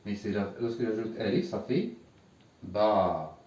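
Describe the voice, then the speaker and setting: A man's voice: fairly low pitch, expressive, brisk, dark tone, recorded from a distance, highs cut off. Patient male teacher in an echoey room. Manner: patient, repeats words and has learners repeat. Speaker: Arabic teacher. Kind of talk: classroom lesson at a whiteboard.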